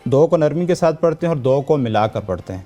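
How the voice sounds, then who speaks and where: A man's voice: fairly high pitch, lively intonation, dark tone, muffled recording, soft background music. A man with a Pakistani Urdu accent, a Quran teacher interviewed as a guest on a talk show, explaining patiently and repeating key points.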